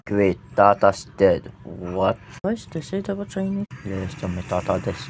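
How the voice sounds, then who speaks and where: A man with a Filipino accent giving excitable live commentary while gaming, swearing and breaking into mocking laughter. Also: low-pitched, normal speed, noisy background. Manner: mixes in Filipino words. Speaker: gamer streamer.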